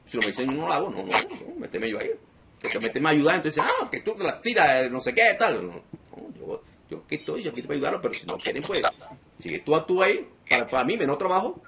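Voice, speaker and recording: A man's voice: fairly high pitch, wildly swooping pitch, fast, creaky, noisy background. A man preaching as a deliverance minister to an online group, emphatic and repeating phrases again and again.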